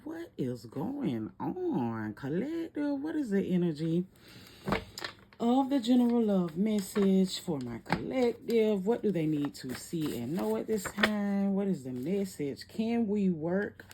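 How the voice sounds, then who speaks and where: A woman hosting a casual tarot love reading, animated and sassy, laughing often. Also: medium pitch, slow pace, noisy background. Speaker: tarot reader.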